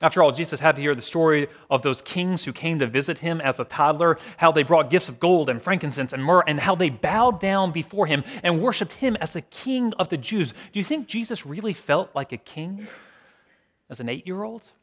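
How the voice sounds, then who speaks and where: A man preaching a sermon in a reflective manner, slowing down and dropping to a hush at key lines. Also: a little high. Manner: reflective, with slow dramatic pauses and hushed endings. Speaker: pastor.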